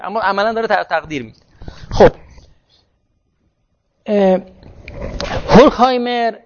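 A man's voice: sits high, lo-fi sound. A man giving a classroom lecture on social theory, thinking aloud and often restarting words mid-phrase.

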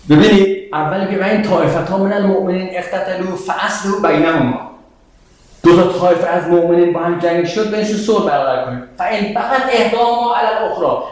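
A man giving a religious lecture to an audience, animated, putting questions to the listeners and quoting scripture. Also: high voice. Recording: very echoey hall.

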